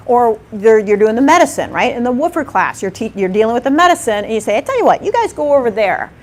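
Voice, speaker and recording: A woman with a slightly high voice presents at a live workshop. She talks in a loose, conversational way, acts out little quoted exchanges and keeps checking in with her listeners by asking "okay?" and "right?". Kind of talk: live conference talk. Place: lecture room at a workshop.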